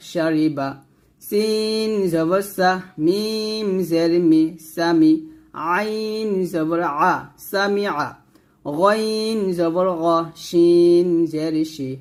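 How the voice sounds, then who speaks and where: A man with a Bangladeshi accent teaching Quran reading, spelling each Arabic letter with its vowel mark and then blending the syllables into words. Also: fairly high pitch. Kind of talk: slow spelled-out recitation lesson.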